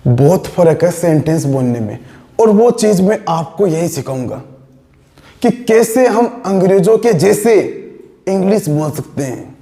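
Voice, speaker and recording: High-voiced Indian man teaching English. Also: lively intonation, warm tone, big-room sound. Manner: mixes Hindi and English, models sentences slowly for students to repeat. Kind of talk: classroom lesson in Hindi mixed with English. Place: classroom with students.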